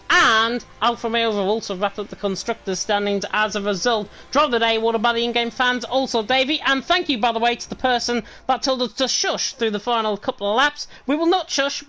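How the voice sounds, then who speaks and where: A woman's voice: on the high side, fairly bright tone, low-quality recording. Upbeat woman calling a sim race. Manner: upbeat, chatty, rattles off results. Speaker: race commentator. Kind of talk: live esports race commentary.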